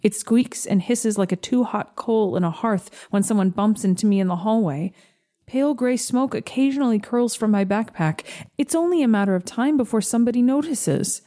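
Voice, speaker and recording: A woman narrating a first-person story in a slow, gentle, measured reading. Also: on the high side.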